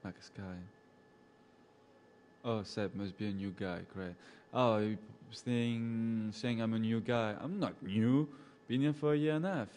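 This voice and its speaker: A man with a French accent, a safari guide from a French-speaking background, talks at a measured pace in a fairly low voice. Chatty and relaxed, he laughs often, reads his live viewers' comments out loud and replies to them by name; slight hiss or hum is audible.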